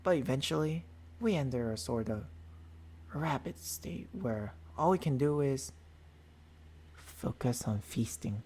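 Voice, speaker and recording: In an intimate ASMR roleplay, a man plays a gentlemanly, tender vampire boyfriend, speaking haltingly into a close binaural mic with formal endearments in a husky, breathy voice. His mid-range delivery is expressive and natural, grave and explanatory, with slight background noise.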